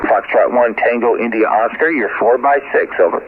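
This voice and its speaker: A man's voice: mid-range voice, moderate pace. Man making a ham radio call over tinny shortwave. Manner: spells call signs in phonetic alphabet, relaxed with many fillers. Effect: shortwave radio transmission. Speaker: amateur radio operator. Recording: tinny radio band with faint static.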